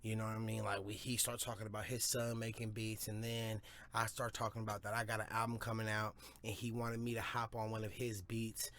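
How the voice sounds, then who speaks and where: A man's voice: on the low side, monotone, fairly quick, hardly any pauses, fairly bright tone. A man hosting his own podcast in a rambling, profane, hyped-up monologue. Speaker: podcast host. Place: home studio or car, smoking a blunt.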